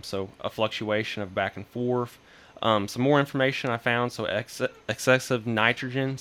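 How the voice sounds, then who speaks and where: A man's voice: lowish voice, a bit bright, clear, resonant tone. Earnest young man. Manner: earnest, stumbles over words, starts sentences with "so". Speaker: extension guest. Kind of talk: reading an informational segment.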